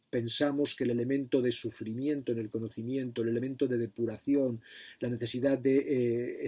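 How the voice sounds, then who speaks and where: A man's voice: medium pitch, darkish tone, slightly rough. A middle-aged man giving a recorded philosophy lecture to his students, thinking aloud with frequent fillers and self-corrections.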